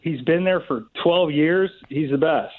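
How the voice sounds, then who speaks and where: A self-assured man talks in a relaxed, easygoing manner, slightly high in his register. His voice comes through an online call line, thin and tinny like a phone. It sounds like a call-in guest on a livestream. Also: unhurried. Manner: laid-back and self-assured. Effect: heard through an online call line. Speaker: caller pitching a show. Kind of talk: casual chat.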